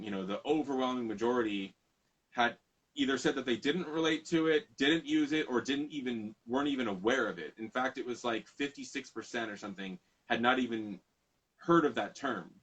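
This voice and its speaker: A man's voice: medium pitch, a little fast, a bit bright, breathy edge, lo-fi sound. A man hosting a casual conversation, rambling and often correcting himself mid-sentence. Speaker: podcast host.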